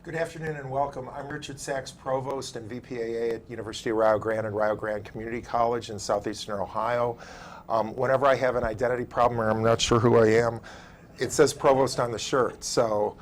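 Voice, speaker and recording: A man's voice: medium pitch, a little hiss or hum. An American man hosting an interview in a conversational but formal way, as a university provost would.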